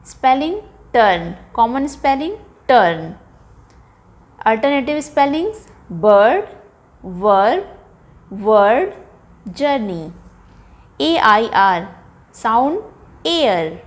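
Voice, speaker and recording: Indian woman teacher, fairly high voice, unhurried and clear, models each word for young learners. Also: very animated. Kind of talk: phonics lesson for children.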